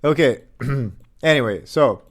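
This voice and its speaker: Still shaking off an illness, with a slight cough, a man streams game development live and takes it slowly in a mid-range voice. His chat is relaxed and rambling, packed with fillers and restarts.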